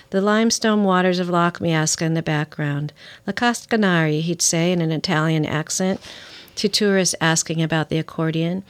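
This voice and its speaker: A middle-aged woman author in an interview, talking about her novel and reading a passage from it aloud at a measured pace. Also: fairly low pitch.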